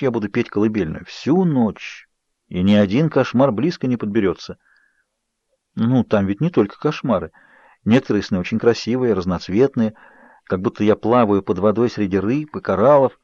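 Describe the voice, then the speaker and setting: A tearful, pleading young woman, as a male audiobook reader puts her on. Her voice rises a little higher and shakes with feeling. The recording sounds dull and dry. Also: lively intonation, moderate pace, mellow, dry recording. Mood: tender.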